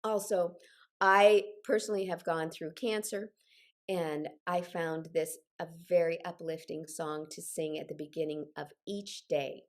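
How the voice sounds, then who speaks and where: An older choir leader and singing teacher, recovering from a cold, guides a group singing lesson over video in a supportive, directive manner, sprinkling in personal asides. She speaks at a measured pace, her fairly low voice keeping a fairly even intonation.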